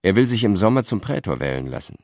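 A man voicing a sly, well-connected Roman gentleman in an audiobook, chatty and confiding. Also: lowish voice, very animated, fast, no room sound, studio quality, voice pushed up.

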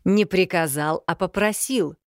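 A woman's voice: on the low side, dry recording, clean studio sound. Woman voicing a grumbling unseen male spirit. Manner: slow, grumbling, plainspoken.

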